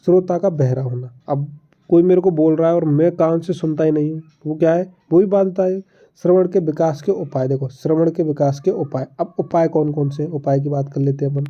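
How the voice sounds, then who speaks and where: A man's voice: a little high, fairly even intonation, a little fast. A man, teaching an exam-prep lesson. He explains each point, then asks his own questions and answers them. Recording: dull lo-fi audio.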